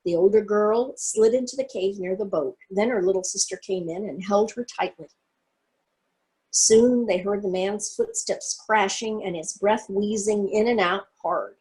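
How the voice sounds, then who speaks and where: A woman reading a literary story aloud in a steady, even manner. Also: medium pitch, a little slow, rough recording. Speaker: reader.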